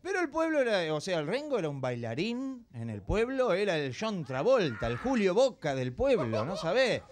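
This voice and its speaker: Animated Argentine comedian telling jokes. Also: male voice, moderate pace, slight background noise. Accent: Argentine Rioplatense. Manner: animated, acts out characters in high squeaky voices. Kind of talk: stand-up joke telling on TV. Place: TV studio.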